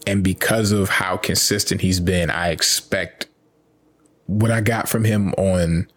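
A man's voice: deep voice, fairly even intonation, measured pace. A man co-hosting a podcast in casual chat, laid-back and rambling, often asking "you know what I'm saying". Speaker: podcast co-host.

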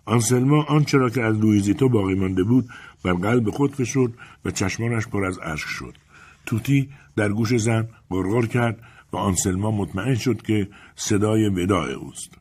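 A man narrating an audiobook in a calm, measured storytelling manner. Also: fairly low pitch, slightly rough. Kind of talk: scripted narration.

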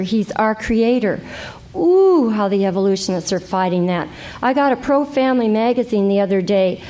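A middle-aged woman, teaching a Bible study class in a conversational way, lively and given to exclaiming as she acts out prayers. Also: mid-range voice, a little hiss or hum. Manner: animated, exclaiming "ooh" and acting out prayers.

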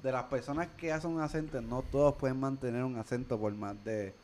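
A man's voice: medium pitch, steady tone, a little fast, a crowd in the background. A man with a Puerto Rican Spanish accent, co-hosting a casual podcast chat about films, blunt and swearing freely. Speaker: podcast co-host.

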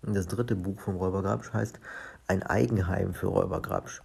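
Low, gravelly man reading a children's book. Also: moderate pace. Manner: relaxed, chatty sign-off. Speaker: reader of a daily book series.

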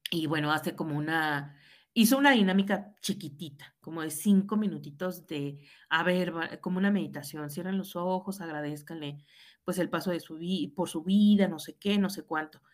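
A woman's voice: lowish voice, moderate pace. A woman teacher with a Mexican accent, earnestly recounting a personal story in conversation and often ending with a questioning "right?". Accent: Mexican Spanish. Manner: earnest, frequent tag questions, reenacts dialogue. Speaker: high school teacher.

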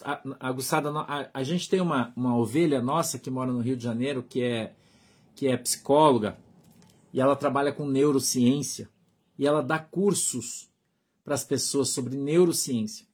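A man's voice: medium pitch, darkish tone, breathy edge. A Brazilian man with a Brazilian Portuguese accent, a pastor preaching in a conversational way and often checking that his listeners follow along. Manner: conversational preaching, keeps asking the flock "understood?". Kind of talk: sermon.

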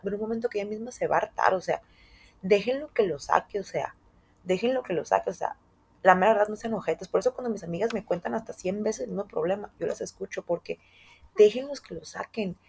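A woman's voice: mid-range voice, vocal fry, a little mellow, breathy edge. A young woman with a Mexican Spanish accent, hosting a casual monologue podcast and talking in a slangy, emphatic, candid way. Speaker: podcast host.

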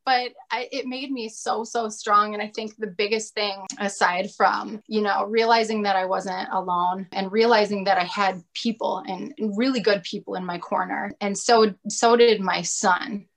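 A woman's voice: mid-range voice, steady tone, moderate pace, few pauses. A woman podcast co-host telling a personal story in casual chat, candid and confessional, with many "like" fillers. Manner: chatty, many "like" fillers, laughs often.

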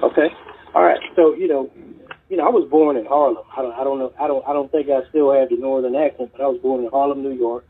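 A middle-aged retired police chief from South Carolina tells his story as a guest on a casual podcast interview, earnest and rambling, with many fillers and restarts. His mid-range voice is steady and fast, heard over tinny phone-line audio with a little hiss or hum.

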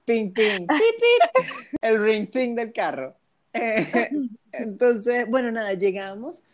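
A man's voice: high voice, slow pace. A Venezuelan man co-hosting a casual podcast, bantering in a playful, teasing, slangy way. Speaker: podcast co-host. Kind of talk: casual chat.

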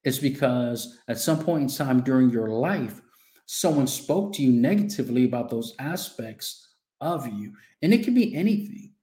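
A man's voice: medium pitch, expressive, moderate pace, mellow, reverberant. A man speaking as a coach, giving an earnest motivational self-help talk and asking the listener direct questions.

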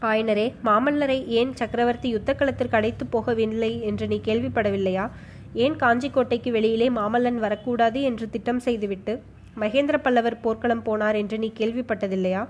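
A sly, scheming male monk who spreads slander with a smooth, knowing manner, put on by a woman. He talks in a fairly high voice for a man, close to the reader's own. It is a storybook reading voice. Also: steady tone, moderate pace, a little hiss or hum, lightly acted. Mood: insinuating.

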